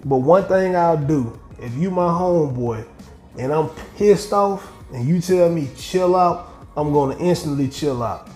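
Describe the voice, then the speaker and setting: A middle-aged man hosting a podcast, talking bluntly with lots of profanity and animated storytelling in casual chat. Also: fairly high pitch, a little slow. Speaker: podcast host. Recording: echoey room with faint music.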